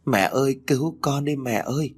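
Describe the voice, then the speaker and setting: A man's voice: mid-range voice, normal speed, slightly rough, voice pushed up, natural voice. A man voicing the ghost of a young woman, pleading and wailing for help in an audio story.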